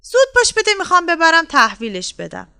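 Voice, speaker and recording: A woman voicing a tiny, eager and stubborn chickpea boy in a storybook tale, with a high, insistent childlike voice. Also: wildly swooping pitch, creaky, sharp tone, heavily acted.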